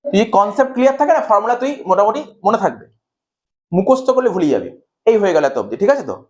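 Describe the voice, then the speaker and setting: Fast-talking Bengali man teaching. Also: sits high, sing-song. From India. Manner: coaxing, repeats checks like "okay?" to students. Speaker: commerce tutor. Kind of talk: whiteboard math lecture.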